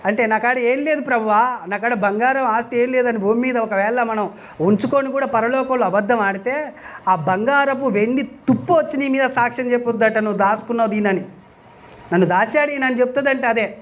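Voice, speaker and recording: Emphatic high-voiced male preacher. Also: brisk. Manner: emphatic, rhetorical questions, repeats scripture lines aloud. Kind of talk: sermon.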